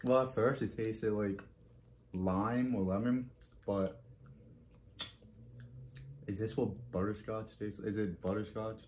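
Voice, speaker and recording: A man's voice: lowish voice, steady tone, takes it slowly, long pauses, a little mellow, slight background noise. A young man taking part in a casual challenge video, laid-back and full of questions. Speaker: challenge participant. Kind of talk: casual banter.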